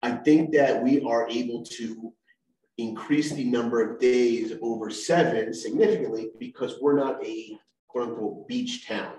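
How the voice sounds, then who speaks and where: A man's voice: medium pitch, warm tone, distant mic. Man arguing legal points in council chamber. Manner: measured, argues legal points. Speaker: council member. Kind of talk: council meeting discussion. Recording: roomy echo, mic set back.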